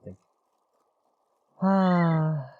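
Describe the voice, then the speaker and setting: A man's voice: a little high, very slow, dry recording, phone-quality sound. A man streaming a video game in casual chat, swearing often and laughing readily. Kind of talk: casual let's-play chat.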